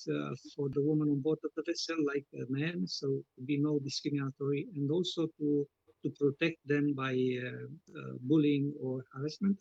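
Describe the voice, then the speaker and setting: A man with a Romanian accent gives unscripted formal remarks, often pausing to find words. His voice is somewhat high and gravelly, on a dry, slightly dull recording. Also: a little mellow, no echo. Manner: halting, searching for words. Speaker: seafarers' union representative, speaker.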